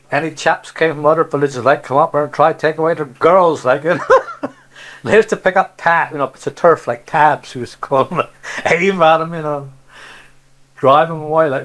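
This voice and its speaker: This older man's voice is fairly high with a fairly bright tone. Interviewed as a local dialect speaker from Cornwall, England, he talks in a Cornish accent, reminiscing casually and rambling through stories peppered with "see" and "you know."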